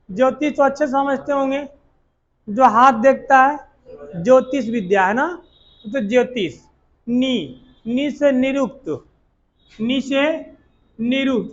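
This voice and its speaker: A man's voice: extremely high pitch, dull audio. A male teacher, giving a classroom lecture and drilling students with repeated questions and answers. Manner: repetitive call-and-response drilling.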